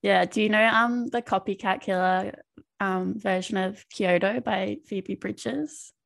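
A woman's voice: mid-range voice, steady tone, measured pace, creaky. A young woman hosting a radio interview, friendly and laughing often. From Australia. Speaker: radio host.

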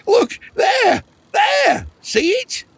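A hungry old man adrift in a boat, his voice raspy and gravelly. He talks slowly and dithers, wistful, with pitch that rises and falls a great deal. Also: huge pitch swings, fairly bright tone, no room sound, heavily acted. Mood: insistent. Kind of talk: children's audio story acting.

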